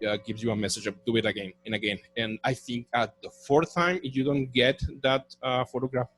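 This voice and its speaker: A man's voice: medium pitch, fairly even intonation, brisk, fairly bright tone, low-quality recording. A man presenting at a conference, answering audience questions in a technical, explanatory way.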